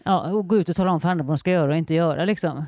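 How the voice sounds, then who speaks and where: A woman's voice: on the low side, dark tone, dry recording, studio quality. A woman in her fifties with a Gothenburg Swedish accent, chatting casually and telling stories with frequent laughter and casual swearing. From Sweden. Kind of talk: casual chat.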